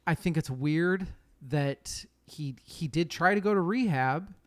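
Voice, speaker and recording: A man's voice: fairly high pitch, a little slow. A man hosting a casual podcast, chatty and swearing, often restarting his sentences. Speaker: podcast host.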